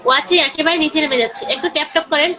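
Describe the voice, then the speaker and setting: Fast-talking woman hosting a live stream. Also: high voice, highs cut off, noisy background. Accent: Bangladeshi Bengali. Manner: urging viewers to share and comment; speaking slowly and softly during the call to prayer. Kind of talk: live stream chat with viewers.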